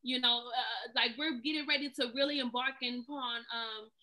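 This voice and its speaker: A woman's voice: fairly high pitch, steady tone, moderate pace, bright, forceful tone, low-quality recording. A married woman co-hosting a relationship talk show, talking in an emphatic, preachy way. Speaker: podcast co-host. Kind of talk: casual chat.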